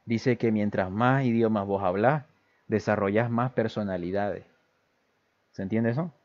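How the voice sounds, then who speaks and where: A man gives a relaxed live lesson in aviation English. He chats with viewers and breaks off to read English phrases aloud. His voice is fairly low, and the stream audio sounds dull and lo-fi. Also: unhurried. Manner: chatty, greets viewers, switches between explanation and reading English phrases. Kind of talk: casual livestream lesson.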